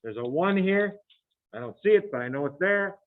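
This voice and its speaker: A male chemistry teacher lecturing a class, chatty, thinking out loud and firing questions at the room. His voice sits a little high for a man. The recording is thin and tinny, like a phone line. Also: expressive, moderate pace, background noise. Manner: chatty, thinks aloud, quizzes students. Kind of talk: classroom lecture working problems.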